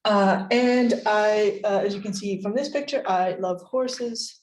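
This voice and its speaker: A rough, roomy recording captures an American woman speaking at a measured pace in a slightly mellow, medium-pitched voice. She delivers a research seminar in a university seminar room, keeping it friendly and chatty with frequent fillers and small laughs.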